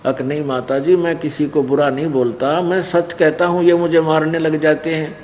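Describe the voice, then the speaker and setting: A man voicing a calm, earnest five-year-old boy in a sermon story. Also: on the high side, moderate pace, long reverb tail, slight background noise, close to an everyday voice.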